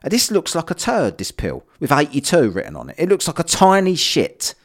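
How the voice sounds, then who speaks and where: A man's voice: fairly high pitch, huge pitch swings, a little fast. A man hosting a solo podcast, ranting bluntly about the news with frequent swearing. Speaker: podcast host. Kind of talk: casual solo commentary.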